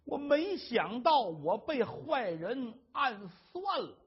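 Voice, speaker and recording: A man's voice: extremely high pitch, very animated, slow, husky, muffled recording, pitched above the performer's own voice, exaggerated voice. A man voicing a distraught young wife who pleads through sobs. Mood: despairing. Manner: pleading, sobbing.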